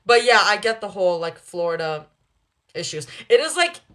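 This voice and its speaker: A young woman chatting casually on a livestream. She reacts to viewers with quick asides, and she laughs often. Her voice sits at an ordinary middle pitch. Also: very animated, fairly bright tone. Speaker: livestream host reading chat. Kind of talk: casual live chat with viewers.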